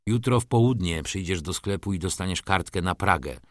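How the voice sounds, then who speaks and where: A brooding middle-aged merchant, as a male narrator plays him, short-spoken and calm, giving orders without fuss. The voice is deep and dry, read close to the mic. This is audiobook drama. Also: fairly quick, no echo. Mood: firm. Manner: terse, calm, commanding.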